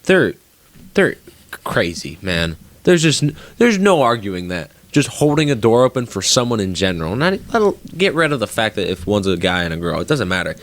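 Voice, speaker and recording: A young man with a notably low voice, co-hosting a podcast in relaxed chat. He rattles off stories quickly and swears freely, with plenty of energy behind them. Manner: fast, profane, animated storytelling. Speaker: podcast co-host. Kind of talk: casual chat.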